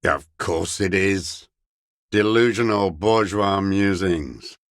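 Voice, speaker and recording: An actor playing a bitter, contemptuous old communist deserter in a video game, ranting like a zealous ideologue. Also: male voice, sits low, dry recording, studio quality. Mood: bitter contempt. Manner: slow, contemptuous, doctrinaire ranting. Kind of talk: video game character dialogue.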